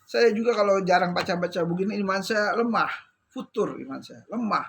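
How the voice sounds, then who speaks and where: A man preaching a sermon, telling stories with lively drama and dropping short "ya" tags between phrases. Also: sits high, fairly quick, gravelly, breathy edge. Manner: lively storyteller, acting out the characters he tells about.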